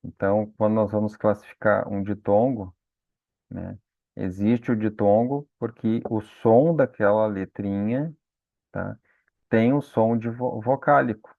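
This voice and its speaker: Gravelly, slow-talking male teacher. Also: lowish voice, fairly even intonation, dry recording. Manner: patient, frequent "né?" and "tá?" check-ins. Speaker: Portuguese teacher. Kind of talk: explanatory lesson. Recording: dry, phone-like lo-fi sound.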